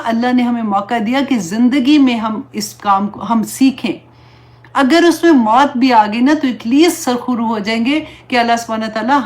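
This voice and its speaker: A woman Islamic teacher giving an earnest, pleading religious talk, slipping English words into her speech. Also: a little high.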